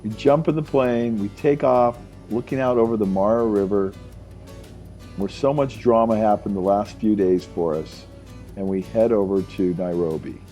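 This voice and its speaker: Enthusiastic low-voiced man narrating travels over music. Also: moderate pace, mellow. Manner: enthusiastic, uses superlatives. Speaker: travel show host and narrator. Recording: music behind the voice.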